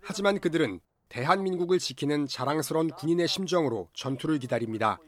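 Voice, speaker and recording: Slightly high-voiced male film recap narrator. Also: animated, fast talker, fairly bright tone. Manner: formal storytelling. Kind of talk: scripted narration.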